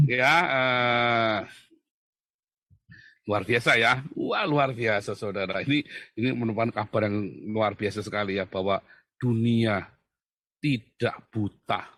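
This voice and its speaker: A man giving an animated, mocking livestream monologue, often calling his listeners brothers. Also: lowish voice, takes it slowly, pauses often, dry recording, studio quality. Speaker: livestream commentator.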